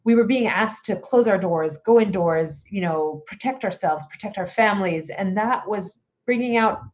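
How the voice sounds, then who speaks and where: A woman's voice: mid-range voice, normal speed. A woman who grew up in Greece, answering interview questions earnestly as a congressional candidate, with many fillers and restarts.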